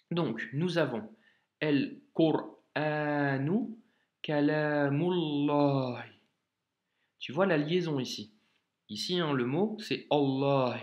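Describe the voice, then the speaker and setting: A man's voice: a little high, lo-fi sound. A man teaching Arabic reading in a video lesson, patient and repetitive, often checking the viewer follows. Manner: patient, repeats words slowly, frequent check-ins.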